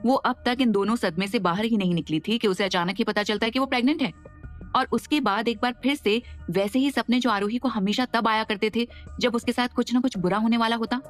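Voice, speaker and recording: A woman giving steady, expressive scripted narration for an audio drama. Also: medium pitch. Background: faint background music.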